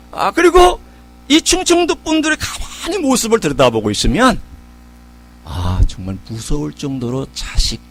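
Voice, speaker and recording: A middle-aged man preaching a sermon as pastor, telling stories in a conversational way and asking rhetorical questions. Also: a little high. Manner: conversational storytelling.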